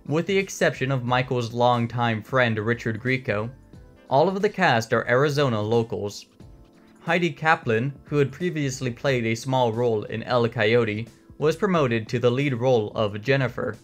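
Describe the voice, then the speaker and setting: A man's voice: mid-range voice, a bit bright. Man narrating a documentary essay. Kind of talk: scripted narration.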